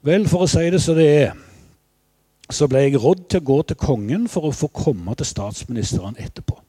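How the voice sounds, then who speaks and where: An older man telling a personal story in a measured, reflective, somewhat halting way. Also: a little high, sing-song, warm tone, breathy edge, dry recording. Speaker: spokesman for bereaved families.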